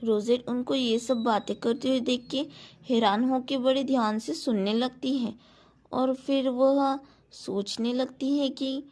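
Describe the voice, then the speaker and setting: A woman's voice: high voice, steady tone, unhurried, darkish tone. A woman retelling a story as a narrator, speaking plainly and addressing viewers as friends. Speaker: story explainer.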